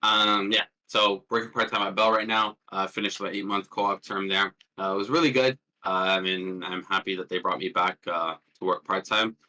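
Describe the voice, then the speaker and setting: This twentysomething presenter, a student who works as a threat hunter, was born in Jordan and grew up partly in Palestine. He has a deep, pushed and bright voice with little pitch movement, speaking at normal speed with hardly any pauses as he runs a casual, self-deprecating, hesitant online workshop. The push-to-talk call makes for a rough recording.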